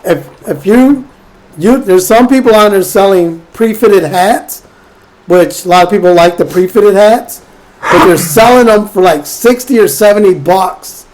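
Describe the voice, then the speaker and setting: A man's voice: sits high, unhurried, darkish tone, poor audio. A man co-hosting a podcast, in crude, joking casual banter, laughing often. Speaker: podcast co-host.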